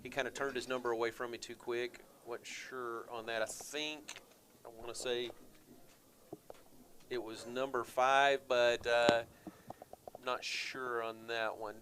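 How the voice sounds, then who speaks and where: A man doing play-by-play for high school football radio, chatty and relaxed with lots of fillers. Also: unhurried. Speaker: play-by-play announcer.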